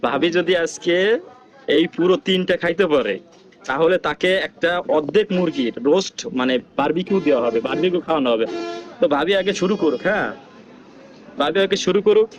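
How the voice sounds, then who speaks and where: A man vlogging with a rural Bangladeshi Bengali accent, keeping his voice low and hushed as he talks to viewers during an eating challenge in a village. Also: animated, a little fast. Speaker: vlogger host. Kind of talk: casual vlog commentary. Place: village house outdoors.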